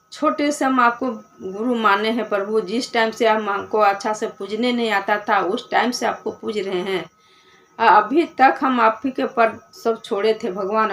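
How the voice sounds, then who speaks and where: A young grieving wife, pleading slowly and earnestly in prayer, as a woman storyteller voices her. The pace is unhurried and heavy, and she keeps begging God in a low, worn tone. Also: a bit bright, a little hiss or hum.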